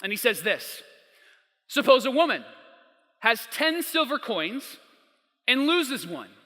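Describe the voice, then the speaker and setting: A man preaching a sermon as a pastor, telling stories emphatically and slowing down for quotes. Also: very high voice, very animated, pushed and bright. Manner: storytelling, emphatic, slows down for quotes. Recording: long hall reverb.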